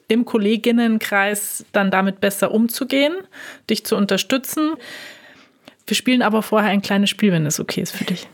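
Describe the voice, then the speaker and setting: A woman hosting a podcast as a health journalist, friendly and quick to laugh. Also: mid-range voice. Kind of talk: podcast interview.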